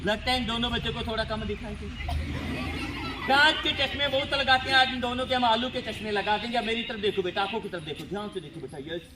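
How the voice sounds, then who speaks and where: A male magician with a high voice talks to a school audience and keeps calling out to the children. He tells stories in a lively, repetitive way. Loud noise from the school event runs underneath. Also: quick pace, crowd noise. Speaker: stage magician. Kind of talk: magic show patter for schoolchildren. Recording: noisy school show recording.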